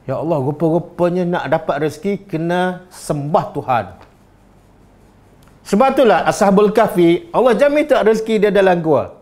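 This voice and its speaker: With a high voice and a Malaysian Malay accent, a man delivers a religious lecture at a moderate pace, animatedly throwing rhetorical questions at his audience.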